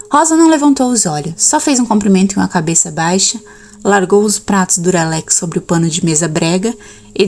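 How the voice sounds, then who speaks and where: Gravelly woman narrating an audiobook. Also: fairly low pitch. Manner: steady first-person storytelling.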